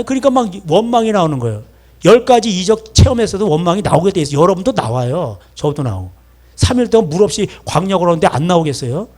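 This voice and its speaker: A middle-aged man preaching a sermon as pastor, animated, firing rhetorical questions at the congregation and acting out voices. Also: high-pitched.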